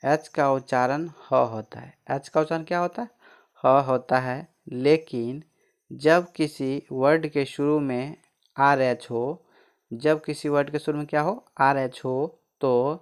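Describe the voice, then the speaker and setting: Slow, methodical man teaching pronunciation. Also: medium pitch, steady tone, clear, resonant tone. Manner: spells words letter by letter, then repeats them slowly; asks questions and answers them himself. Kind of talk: spelling and pronunciation lesson.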